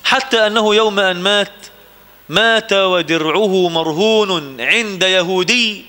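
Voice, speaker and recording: High, bright-voiced Egyptian preacher. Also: male voice, a little slow. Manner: mixes classical scripture quotes with colloquial asides, asks the audience questions. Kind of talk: sermon. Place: mosque.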